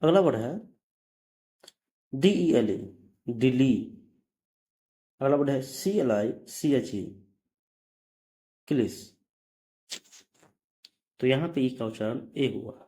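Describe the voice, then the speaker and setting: His voice is mid-range, mellow and expressive, and he goes a little slow. The man is explaining English pronunciation, spelling words out letter by letter, saying them aloud, and occasionally correcting himself mid-lesson.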